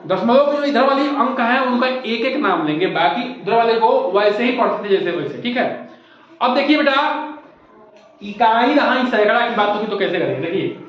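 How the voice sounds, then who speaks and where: A male primary school teacher explains step by step and keeps asking his class questions. His voice sits very high for a man. The sound is dull and muffled, and a strong echo fills the classroom. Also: animated, moderate pace. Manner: patient, repetitive, asks rhetorical questions. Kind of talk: classroom lesson. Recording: echoey muffled classroom recording.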